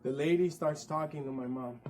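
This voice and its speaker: A man's voice: a little high, normal speed, darkish tone, poor audio. A man narrating his own story in a one-man stage show, vivid and with wry asides. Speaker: performer.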